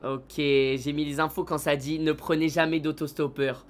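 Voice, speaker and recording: A man live-streaming a video game, excitable and slangy, talking straight to his chat. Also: on the high side, normal speed.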